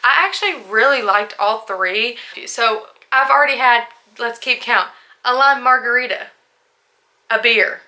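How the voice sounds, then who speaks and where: A woman's voice: on the high side, measured pace, pushed and bright. A young woman chatting candidly in a casual vlog, a little tipsy, full of asides and likes. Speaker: vlogger.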